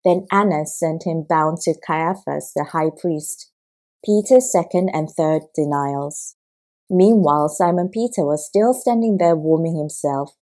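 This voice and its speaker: A woman narrating a scripture audiobook in an even, measured reading. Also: sits low.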